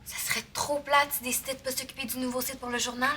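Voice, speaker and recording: A woman's voice: high voice, flat delivery, fast, pushed and bright, slight background noise. A young woman with a Quebec French accent playing a practical teenage girl with a dry, matter-of-fact way of speaking.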